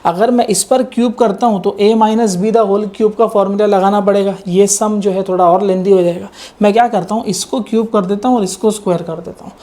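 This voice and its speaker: A man's voice: high-pitched, fairly even intonation, fairly quick, mellow. A male maths teacher giving an exam-prep lecture. He works through each step and keeps asking the students rhetorical questions, mixing English maths terms into his explanation.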